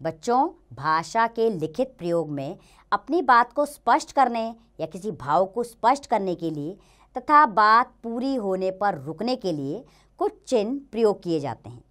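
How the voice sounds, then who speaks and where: A woman teaching a grammar lesson to children in a slow, sing-song way. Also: mid-range voice, big pitch swings, fairly bright tone.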